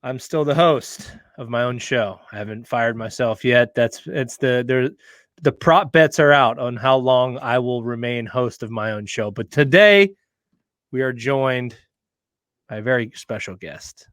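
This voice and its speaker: A man's voice: mid-range voice, fairly bright tone, no echo, clean studio sound. A man hosting a podcast in casual chat, joking and self-deprecating, with what he calls a whiny comedian voice. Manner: jokey, self-deprecating, quick laughs. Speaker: podcast host.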